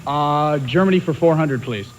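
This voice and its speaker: A man's voice: fairly high pitch, moderate pace, muffled recording. Polite man, quiz contestant. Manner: short, polite answers.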